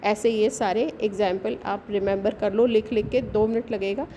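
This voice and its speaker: A woman's voice: medium pitch, fairly even intonation, moderate pace, warm tone, a little hiss or hum. A woman teacher, explaining a bilingual lesson step by step and often checking with "right?". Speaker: English teacher.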